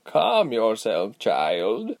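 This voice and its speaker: A man voicing an old, tired, wise female healer who speaks slowly, calmly and sternly. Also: fairly low pitch, creaky, heavily acted. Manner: slow, calm, measured, stern. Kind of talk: audiobook character voice.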